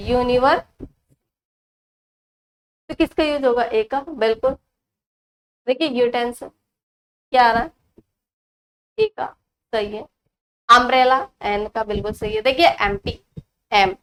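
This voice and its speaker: A woman with an Indian accent teaches grammar online in a high-pitched voice, asking her students questions and answering them herself. She drills key words by repeating them slowly, on a rough recording.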